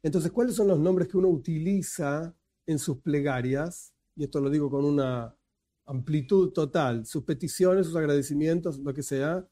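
Patient explanation and the occasional joking aside mark this man's conversational lecture. He's a teacher with an Argentine Spanish accent, speaking at normal speed in a fairly high, dark-toned voice.

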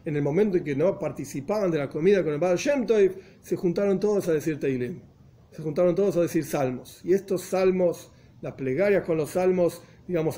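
A man's voice: high-pitched, warm tone. A man telling a religious story as a lesson, chanting quoted prayers with rising pleading and glossing Hebrew and Yiddish phrases in Spanish. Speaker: religious teacher.

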